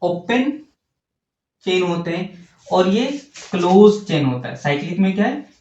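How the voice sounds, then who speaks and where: A male teacher writes chemistry on a board at an unhurried pace, asking the class questions and then answering them himself. His high voice is sing-song with a darkish tone. He sounds distant from the mic in a roomy, echoey space, and the recording is dull and lo-fi.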